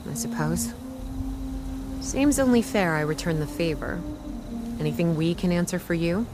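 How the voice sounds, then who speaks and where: A woman voices a scrappy, friendly young treasure hunter in naturalistic video game dialogue, sounding frank and helpful with a casual, earnest, slightly hesitant delivery. Her lowish voice has lively intonation and a moderate pace and sits close to an everyday speaking voice, with music playing in the background.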